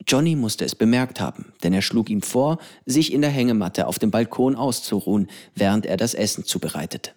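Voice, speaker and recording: A man reading a children's novel aloud as an audiobook, in a calm, even storytelling manner. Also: fairly low pitch, a little fast, few pauses. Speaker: narrator.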